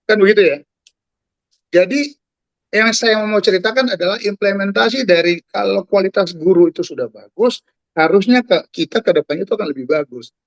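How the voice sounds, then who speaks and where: A man in his forties giving an animated talk on a video call, speaking straight to his listeners like a preacher. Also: high-pitched, a little fast, creaky, dry recording, highs cut off. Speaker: guest speaker. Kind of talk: talk to an online audience.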